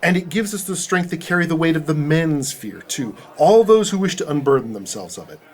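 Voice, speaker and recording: A man playing a steady, compassionate military chaplain, earnest and reassuring, in an audio drama. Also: on the high side, brisk, close to an everyday voice. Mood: solemn. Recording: music behind the voice.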